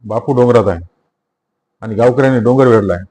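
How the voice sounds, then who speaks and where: A man's voice: mid-range voice, brisk, warm tone, close to an everyday voice. A man reading the lines of a village schoolteacher who runs in with urgent news, in a storybook narration. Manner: urgent, out of breath. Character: breathless young male village schoolteacher.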